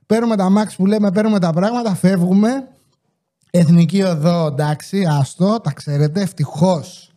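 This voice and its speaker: A man with a high-pitched but soft, mellow voice rambles through a comic story for his podcast. He swears freely and slips into the voices of the people he quotes. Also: steady tone. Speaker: podcast host.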